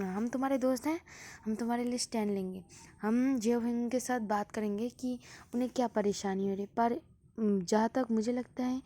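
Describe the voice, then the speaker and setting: A frank, amused young man who teases his friend and then reassures him in a chatty way, voiced by a woman reading fan fiction aloud. The voice is high and soft in tone. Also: close to an everyday voice.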